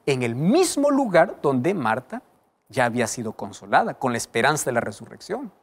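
A male preacher delivers a dramatic sermon with a lively pitch that rises and falls widely. He moves from raised, emphatic exclamations to quiet, almost whispered passages. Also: slightly rough. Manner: dramatic, swings from loud to hushed.

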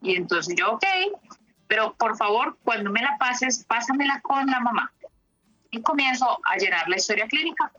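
A woman therapist recounts cases from her practice in a bright, fairly high voice. She talks reflectively, with pauses and fillers. The recording sounds dull and lo-fi. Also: lively intonation. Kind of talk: telling case stories in an interview.

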